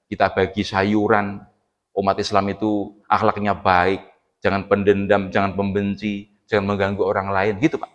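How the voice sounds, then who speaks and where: A man's voice: fairly low pitch, monotone, moderate pace, dull audio. A man giving a casual mosque sermon, chatty and joking, quizzing the congregation. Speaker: mosque preacher. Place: mosque hall. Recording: long mosque reverb.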